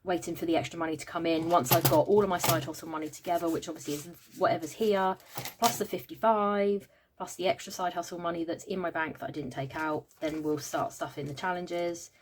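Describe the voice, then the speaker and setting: A woman's voice: fairly low pitch, fairly even intonation, fairly quick, a little hiss or hum. Tired British woman chatting about budgeting. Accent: British English. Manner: chatty, counting money aloud, with frequent "um" fillers. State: tired and yawning. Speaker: budgeting vlogger. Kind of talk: casual cash-stuffing vlog chat.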